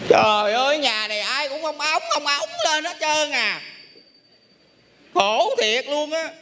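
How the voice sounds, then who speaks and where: An actor playing an exasperated, henpecked husband with a Southern Vietnamese accent, complaining comically on stage. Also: male voice, extremely high pitch, lively intonation, measured pace. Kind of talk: stage comedy acting. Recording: stage recording with background noise.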